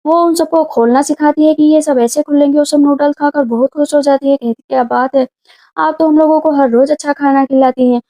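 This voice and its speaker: High-voiced woman narrating a drama recap. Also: steady tone, fairly quick, warm tone. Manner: retells scenes, speaking the characters' lines in her own voice. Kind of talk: casual storytelling narration. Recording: dull lo-fi sound.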